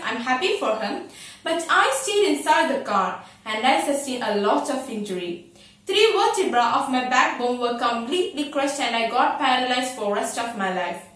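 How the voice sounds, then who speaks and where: A woman's voice: high-pitched, fairly bright tone. A teenage girl declaiming a memorised speech as a student, with prim, precise elocution. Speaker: student contestant in a declamation contest. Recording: very echoey room, distant microphone.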